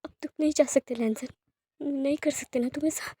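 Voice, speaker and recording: A woman's voice: high voice, steady tone, moderate pace, warm tone, no echo, clean studio sound, natural voice. A woman voicing a grieving young man who pleads and sobs through broken repetitions. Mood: anguished pleading. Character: grieving young man crying for his partner.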